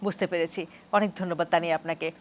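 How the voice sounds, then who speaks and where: A woman hosting a studio TV talk show, moving the panel along briskly and addressing each guest by name. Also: on the low side, steady tone.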